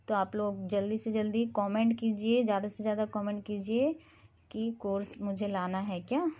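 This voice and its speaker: A woman teaching phonics in a slow, patient way, stopping to sound out single letters. Her voice is mellow and soft-edged. The recording is dull and muffled. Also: medium pitch. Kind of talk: explaining a phonics lesson to parents.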